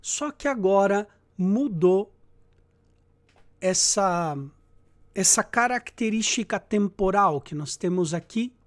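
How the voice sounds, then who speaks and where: A man teaching Latin grammar in a lecture, explaining slowly and checking in with his students, and chanting verb endings. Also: high voice, animated. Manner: slow and deliberate, checks in with "tá?" and "né?".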